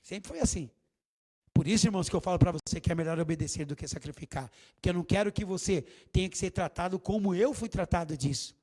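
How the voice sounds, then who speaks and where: A man preaching a sermon as bishop in a church, lively and theatrical. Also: sits high, quick pace. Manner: animated, theatrical preaching with acted quotes.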